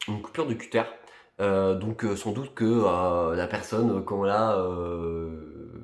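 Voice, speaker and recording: A young man vlogging casually about his new purchases, talking in a relaxed way with many fillers and restarts. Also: sits low, a little slow, reverberant. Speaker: collector vlogger. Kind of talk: casual chat.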